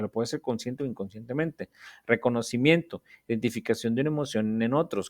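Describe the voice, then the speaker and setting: A man's voice: mid-range voice, darkish tone, dry recording, studio quality. A man giving a lecture. He reads passages from his notes aloud, explains them in his own words, restarts phrases often and keeps checking that the class follows. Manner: frequent restarts and tag questions checking understanding. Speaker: teacher.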